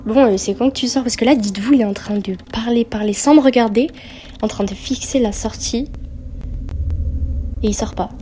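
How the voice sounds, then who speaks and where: A young woman with a high, slightly soft-toned voice streams a horror game over music. She talks casually and in slang, reacting as she goes and reading dialogue aloud. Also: normal speed, pauses often. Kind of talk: casual gaming commentary with dialogue read aloud.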